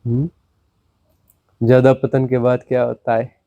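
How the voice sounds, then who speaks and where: A man's voice: monotone, a little slow, gravelly, dark tone, no room sound, dull audio. A man, a spiritual teacher, gives a satsang discourse, repeating words and asking rhetorical questions. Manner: repetitive, rhetorical questions, dramatic swings of pitch.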